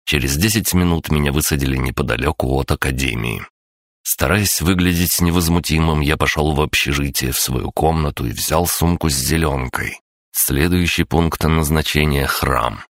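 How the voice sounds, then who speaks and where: A man narrating an audiobook in a measured, even first-person telling. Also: extremely low pitch, gravelly, dry recording, studio quality.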